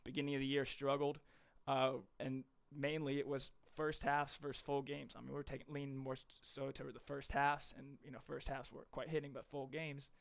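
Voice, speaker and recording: Gravelly man talking betting picks. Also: mid-range voice, flat delivery, a little fast. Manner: casual, rambling, filler-heavy. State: out of breath. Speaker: sports betting tipster. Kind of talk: live stream betting analysis.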